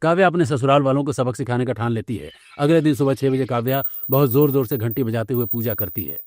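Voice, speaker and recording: Man, narrator, scripted cartoon storytelling, steady delivery. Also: medium pitch, fast talker.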